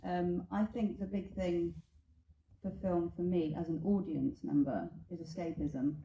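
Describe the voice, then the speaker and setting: A woman with a low, very mellow voice answers on a film panel, sincere and reflective. The sound is muffled and echoey. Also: fairly even intonation, measured pace, slight background noise.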